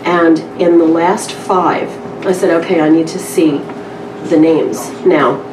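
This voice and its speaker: A publisher with a lowish voice introduces and reads a story at a literary event, talking in a candid, wry, informal way, like a live reading among acquaintances. Her tone is steady and her pace a little slow. A distant mic catches her in an echoing indoor room with a small audience, and background noise is clearly audible.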